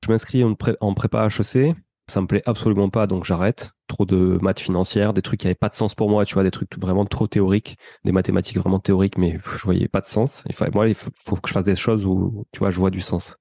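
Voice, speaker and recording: The clean, dry studio recording captures a low-pitched, mellow voice with vocal fry. He's a French man around forty with a Toulouse accent, sharing his life story in a relaxed interview and frequently addressing the host with "tu vois".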